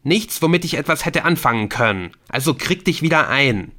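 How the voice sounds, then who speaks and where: A man's voice: fairly high pitch, animated, normal speed, pushed and bright, pitched above the performer's own voice. A man voicing a panicky, scheming middle-aged businessman who shrieks when cornered. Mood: defiant.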